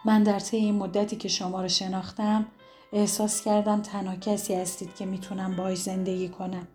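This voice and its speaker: A woman voicing an earnest young man in an audiobook who speaks haltingly and stammers. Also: mid-range voice, little pitch movement, darkish tone, soft background music, close to an everyday voice. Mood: hesitant.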